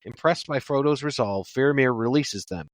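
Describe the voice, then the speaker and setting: Male podcast co-host, joking banter, steady recap reading, dry close sound. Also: mid-range voice, moderate pace, no room sound, rough recording. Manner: joking, reads summaries steadily. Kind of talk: casual chat and read plot summary.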